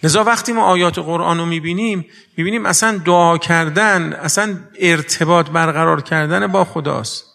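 A man's voice: on the high side, vocal fry, bright, forceful tone. A man preaching a religious sermon with earnest rhetorical questions, moving between formal phrasing and everyday speech. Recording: long reverb of a large hall.

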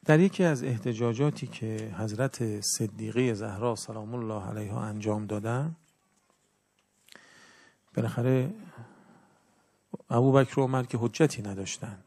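A man delivers a sermon in a gravelly, slightly rough voice. He teaches earnestly and instructively, his loudness swelling and falling as he makes his points. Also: fairly low pitch, long pauses. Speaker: religious preacher.

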